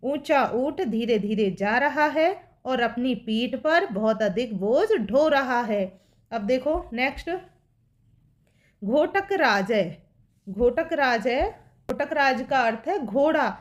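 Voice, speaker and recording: A woman teacher walks children through a poem, taking it slowly and patiently. Her voice sits high, and she repeats every meaning so it sticks. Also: expressive. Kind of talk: explaining a Sanskrit poem to children.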